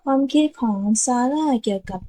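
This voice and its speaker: A young woman gives loose, crude let's-play commentary, full of sudden yelps and exclamations. Her voice sits fairly high but has a mellow, soft tone. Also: animated, brisk, poor audio. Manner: crude slang, frequent exclamations. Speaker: game streamer.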